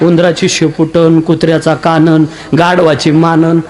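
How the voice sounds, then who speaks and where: A man's voice: fairly high pitch, completely flat delivery, unhurried, darkish tone. A man delivering a humorous kirtan sermon, teasing the elderly women in front of him and acting out little household dialogues. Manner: jokey, addresses elderly women in the audience, acts out dialogue. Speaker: kirtan preacher.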